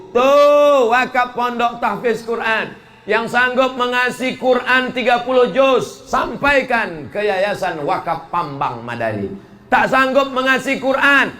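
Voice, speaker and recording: A male preacher giving a humorous sermon in a mosque, drawing out solemn lines slowly, then rattling off jokes and bursting into shouts. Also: high voice.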